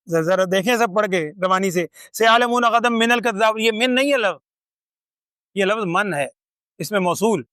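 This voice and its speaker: An older man giving a Quran commentary lecture to a seated audience, explaining slowly, reciting verses and asking rhetorical questions. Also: sits high, bright, forceful tone, smooth, dry recording, studio quality. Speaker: Quran teacher.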